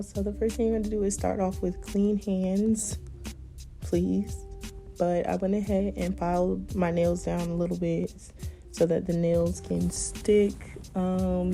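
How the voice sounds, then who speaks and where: Hoarse, gravelly young woman vlogger. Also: on the low side. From South Carolina, US. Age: 20s. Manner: chatty and laid-back, with soft laughs and fillers. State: hoarse from being sick. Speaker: beauty vlogger. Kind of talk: casual nail tutorial voice-over.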